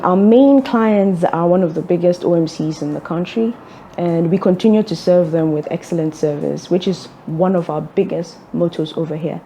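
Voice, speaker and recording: Young woman, company director, low mellow voice, calm and orderly. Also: a little hiss or hum. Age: young adult. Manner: measured, orderly, with occasional ums. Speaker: executive director of a fuel transport firm. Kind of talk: interview answers.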